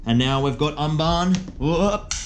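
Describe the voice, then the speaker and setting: Hosting and playing a tabletop wargame video, a man gives casual play-by-play commentary, jokey and self-mocking, exclaiming at dice rolls. His medium-pitched voice is expressive at normal speed, with music and slight noise behind him.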